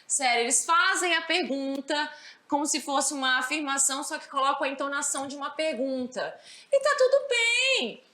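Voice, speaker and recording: A woman's voice: high voice, steady tone, brisk, pushed and bright, echoey room. A woman with a Brazilian Portuguese accent teaching an English grammar lesson, explaining step by step and often checking understanding with "certo?". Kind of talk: recorded school lesson.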